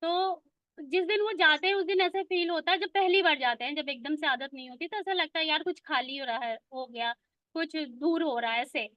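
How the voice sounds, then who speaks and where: A woman's voice: high voice, no echo, muffled recording. A woman giving a conversational spiritual talk, explaining ideas patiently and mixing English words into her speech. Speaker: spiritual speaker.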